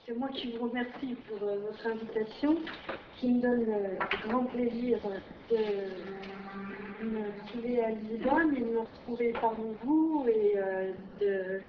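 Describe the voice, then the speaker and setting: Middle-aged woman, visiting historian, slow hesitant lecture with plenty of fillers, heard from far off in an echoey room. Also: on the high side, noisy background. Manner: hesitant, many fillers and restarts. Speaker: visiting historian giving a conference talk. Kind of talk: academic lecture. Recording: distant, roomy, dull lecture-hall recording.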